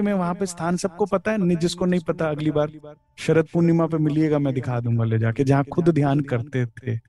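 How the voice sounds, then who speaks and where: A man's voice: a little high, mellow. A man giving a devotional discourse, quoting verses and explaining them with frequent chuckles. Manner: explains scripture, quotes verses, chuckles often. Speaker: spiritual speaker.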